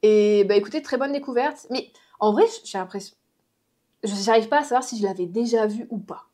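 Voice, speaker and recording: A woman's voice: mid-range voice, fairly quick, mellow. A woman chatting casually to her viewers in a vlog, rambling and full of fillers and restarts. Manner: chatty, addresses viewers directly. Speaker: vlogger.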